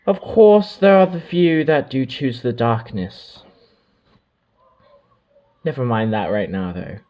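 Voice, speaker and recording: In a drifting, mystical monologue, a man channels the voices of otherworldly beings. He pauses often and adds soft asides that trail away, speaking in a mid-range voice.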